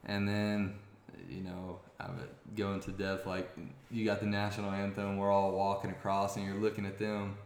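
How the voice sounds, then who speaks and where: Low-voiced man telling a game story. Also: normal speed. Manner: rambling, many restarts, grows excited. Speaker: former college quarterback guest. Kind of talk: casual storytelling interview. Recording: echoey room.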